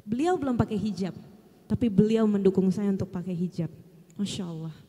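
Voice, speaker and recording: A woman shares her own story with an audience in an earnest, reflective way. Her voice is mellow and soft-edged, with a long reverb from a big hall around it. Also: mid-range voice, fairly quick, slightly rough. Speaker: guest sharing a personal testimony.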